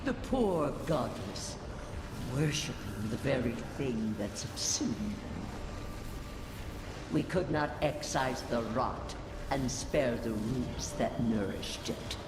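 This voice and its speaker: A calm, menacing goddess in a video game, cold and contemptuous toward those beneath her. The delivery is slow and deliberate. The voice rings in an echoey space with a steady noise bed underneath. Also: mid-range voice. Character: cold, scornful goddess speaking through a male servant.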